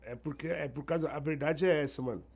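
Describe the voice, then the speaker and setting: Brazilian male, casual street-slang talker, very quick delivery, agreeable interjections, slightly higher voice. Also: vocal fry, darkish tone, slightly rough.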